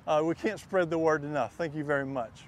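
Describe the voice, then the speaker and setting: A middle-aged man with a fairly high voice gives an earnest talk outdoors by a churchyard. He speaks through a clip-on lapel mic, and light traffic sounds carry in the open air. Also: fairly quick. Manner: earnest, reads from a paper, thanks donors. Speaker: guest speaker from a preservation group. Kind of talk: outdoor talk reading a quote aloud. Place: outdoors beside a churchyard cemetery.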